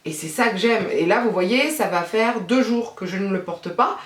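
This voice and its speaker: A woman's voice: medium pitch, moderate pace, recorded from a distance. Chatty woman vlogger in an echoey room. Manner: chatty, self-mocking, laughs easily. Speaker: beauty vlogger host. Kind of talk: casual chat to camera. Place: at home, child nearby. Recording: echoey room, voice set back from the mic.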